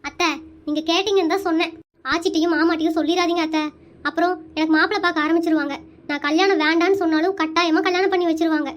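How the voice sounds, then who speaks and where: A voice actor voicing a timid, lovesick young woman in an animated cartoon, speaking softly and pleading. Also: very high-pitched, fast.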